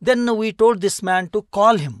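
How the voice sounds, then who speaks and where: An older retired customs officer with a South Indian accent, telling anecdotes in a halting, conversational way as an interview guest. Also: mid-range voice, fairly even intonation, clear, resonant tone, no echo, studio quality.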